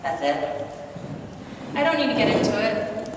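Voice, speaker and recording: A woman's voice: mid-range voice, sing-song, a little slow. Woman, 20s, American accent, conversational storytelling, distant mic, noisy reverberant hall. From Singapore. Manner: conversational, self-deprecating storytelling. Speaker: conference speaker. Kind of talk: personal storytelling talk. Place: lecture hall at a conference. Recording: echoey hall, voice from far off.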